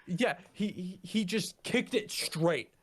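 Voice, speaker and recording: Man, young adult, slightly high voice, casual sports podcast chat, hesitant, lots of fillers. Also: expressive, takes it slowly, fairly bright tone, slightly rough. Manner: hesitant, many fillers and restarts. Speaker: podcast co-host.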